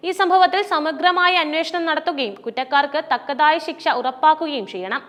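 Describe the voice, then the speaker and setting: High-voiced woman reading news narration. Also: a bit bright, long reverb tail. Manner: formal, measured reading.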